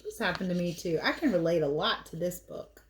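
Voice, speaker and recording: Her pitch is fairly low, with lively intonation and a brisk pace, and a faint hiss or hum is audible. She's a teacher reading a picture book aloud to kids, telling the story expressively and tossing in playful, chatty comments on the illustrations, an animated storytelling session with casual asides.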